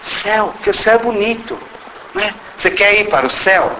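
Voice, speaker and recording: This Brazilian Portuguese-accented man has a high, expressive voice, pushed and bright, and he talks a little fast. He delivers an informal spiritual lecture in a meeting hall, teasing the crowd, asking them questions, and acting out short dialogues, with the roomy hall's background noise audible.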